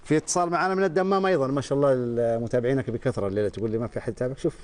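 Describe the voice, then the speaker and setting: A man's voice: medium pitch, very fast, a little mellow. A man hosting a talk show, taking callers and joking easily. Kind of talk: casual on-air chat.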